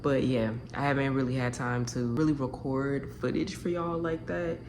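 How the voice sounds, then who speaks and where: A tired woman with a strikingly low, deep voice chats candidly to camera from her bedroom, talking straight to her viewers and cursing easily. A faint hiss sits under her voice. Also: fairly even intonation, normal speed. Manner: candid and chatty, swears freely, addresses viewers directly. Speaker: reading vlogger, mother. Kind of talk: casual chat to camera. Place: bedroom at home.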